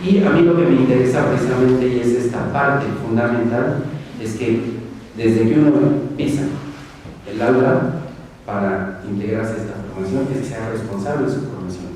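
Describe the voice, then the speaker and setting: A man's voice: mid-range voice, normal speed, a little mellow. A Mexican man giving an informal lecture to students in a colloquial, discursive way, with a Mexican accent. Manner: colloquial, discursive, acts out quoted remarks. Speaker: university lecturer and researcher. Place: large echoey room, recorded from afar. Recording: echoey hall, distant mic, background noise.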